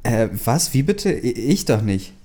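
A man's voice: lowish voice, moderate pace, mellow, natural voice. A man reading the lines of a shy, clumsy sixteen-year-old schoolgirl in a hesitant, plain reading voice with fillers. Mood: embarrassed.

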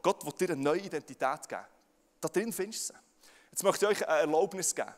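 A young man with a Swiss German accent preaches a sermon to a packed hall. He speaks high and talks straight to his listeners, stumbling over repeated words. His voice rings out with a long hall reverb. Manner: stammers on repeated words, addresses crowd directly. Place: large hall with audience.

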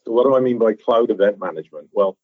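A man who is a guest on a podcast, explaining his work in a measured way with some fillers and restarts. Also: lowish voice, slightly rough, no echo. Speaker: podcast guest, software architect. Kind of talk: conversational interview. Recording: tinny phone-line audio.

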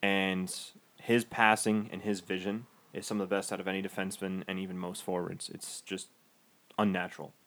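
A man's voice: sits low, flat delivery, moderate pace, fairly bright tone. A man co-hosting a casual podcast, giving firm, sarcastic opinions about sports. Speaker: podcast co-host.

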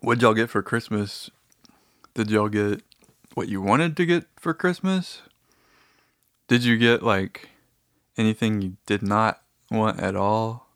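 A man's voice: lowish voice, takes it slowly, pauses often, a bit bright, no echo, clean studio sound. A man talking to his audience in a casual, meandering, easygoing monologue.

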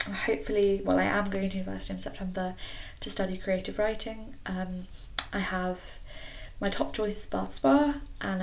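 A nineteen-year-old woman hosts a solo podcast from a small wooden garden shed that's slightly echoey, chatting casually, a little hesitantly, and self-effacingly. Her mid-range voice is creaky. It's a low-quality home recording on a computer, clicky with background noise.

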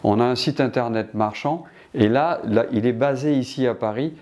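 A man's voice: mid-range voice, normal speed, a little mellow. An older man from Martinique answering interview questions about his business, hesitant with many restarts.

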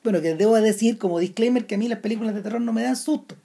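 Mellow-voiced Chilean woman discussing films. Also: on the high side, very fast, vocal fry. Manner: hesitant, many restarts. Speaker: film commentator. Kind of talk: casual film discussion.

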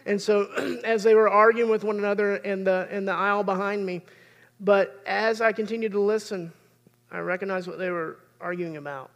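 A man's voice: high voice, steady tone, normal speed, fairly bright tone, lo-fi sound. A man, preaching a sermon as pastor in an earnest, conversational way.

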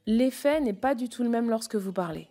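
A woman's voice: on the high side, animated, brisk, mellow, faint music behind. A woman giving a casual spoken lesson on using the voice, switching between chest, mask and head voice to demonstrate. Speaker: voice coach.

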